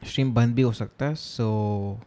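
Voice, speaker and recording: A young man from Chennai, India keeps things chatty and playful on his coding stream, answering viewer comments he reads aloud in a mix of Hindi and English tech jargon. His mid-range voice is dark, measured and fairly even in intonation.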